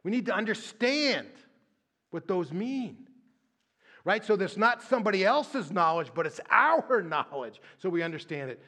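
A man's voice: high voice, unhurried. Conversational pastor man preaching a sermon. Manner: conversational, repeats words when starting lines; tag questions, shifts from lively to hushed prayer.

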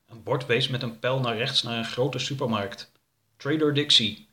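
Man, storybook narrator, calm even reading, bright voice, mid pitch. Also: normal speed.

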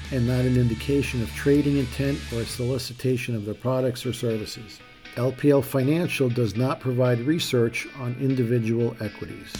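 A man giving a measured, formal scripted narration as a financial podcast host. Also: medium pitch, warm tone.

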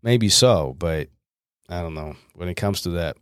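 A man's voice: sits low, unhurried, smooth, dry recording, studio quality. A man co-hosting a podcast, talking in an earnest, rambling way with frequent restarts and fillers. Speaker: podcast co-host. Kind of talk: casual podcast chat.

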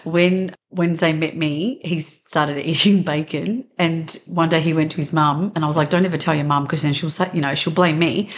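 A woman's voice: sits low, fairly even intonation, a little hiss or hum. Chatty Australian woman podcast host. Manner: chatty and candid, quick asides and restarts. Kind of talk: casual conversational podcast.

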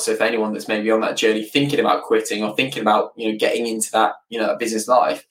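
The podcast guest, a man in his thirties running a property business, has a fairly bright voice on the low side. He talks through his story casually, with frequent hesitations and repeated words, and the distant mic leaves it echoey and roomy.

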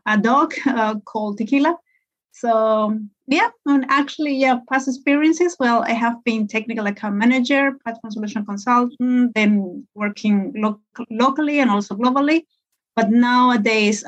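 Woman, chatty podcast guest. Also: mid-range voice. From Peru. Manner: chatty, many fillers and laughs. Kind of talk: podcast interview. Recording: dull lo-fi sound.

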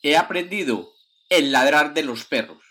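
A man reading a storybook tale, voicing a young count's son who answers calmly. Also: fairly high pitch, unhurried. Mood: plain. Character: foolish but fearless young son of a count.

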